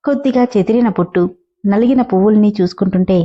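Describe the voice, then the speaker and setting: A woman host reading a story aloud in a steady, gentle narration with direct appeals to listeners. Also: mid-range voice, fast, muffled recording.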